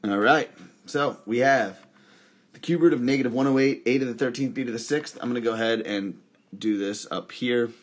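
In a recorded math lesson, a man works through each step by posing questions and answering them himself, tossing in wry asides. He speaks at normal speed in a mid-range voice.

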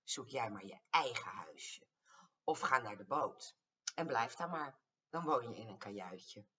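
An older woman voicing two big dinosaurs speaking together, loud and teasing, in a storybook verse. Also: extremely low pitch, lively intonation, measured pace, husky, full character voice. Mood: roaring. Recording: distant, dull lo-fi home recording.

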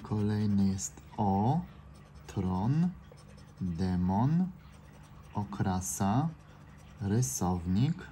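Man, very slow delivery, mellow tone, reads letters and words one at a time, casual scratch-off commentary, indoors. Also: lowish voice, expressive. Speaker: scratch-card vlogger. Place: indoors by an open window. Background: faint noise through an open window.

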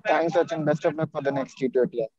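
A man's voice: fairly high pitch, quick pace, a little mellow, no echo, dull audio. A male reporter asking formal, direct questions at a press conference.

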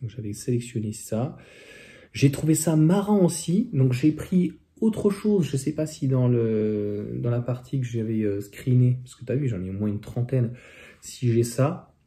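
A man's voice: mid-range voice, expressive, measured pace, warm tone. A man reviewing car accessories in a casual, chatty way, with many fillers and restarts. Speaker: electric car vlogger.

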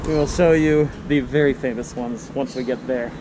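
A man speaking through a face mask, hosting a travel vlog and explaining sights in a relaxed, casual way outdoors on a city street. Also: medium pitch, moderate pace, background noise. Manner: relaxed, informative tour-guide explaining. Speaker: travel vlogger host. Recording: outdoor street recording with loud music. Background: music playing in the street.

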